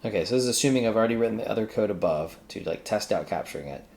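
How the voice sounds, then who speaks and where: Rapid-fire and lively in intonation, this mid-range voice belongs to a tutorial host casually narrating a screen-recorded coding demo. He makes informal, exclamatory remarks to himself and to the software, with keyboard typing and faint background noise behind him.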